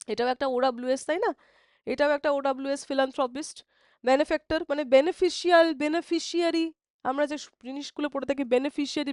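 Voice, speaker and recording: A woman with a Bengali accent teaching English vocabulary in a live online exam-prep class. She explains in Bengali, often checks "ঠিক আছে?", and reads English definitions slowly. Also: sits high, darkish tone, no room sound, clean studio sound.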